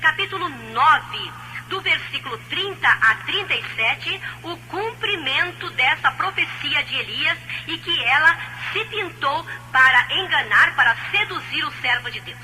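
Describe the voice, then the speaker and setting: A woman's voice: high voice, lively intonation, measured pace, sharp tone, rough recording. A Brazilian woman teaching a Bible study in an insistent, admonishing manner, on an old dubbed cassette tape. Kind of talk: religious teaching, exhorting. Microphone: recorded on cassette. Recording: old cassette tape dub copy, hiss, hum.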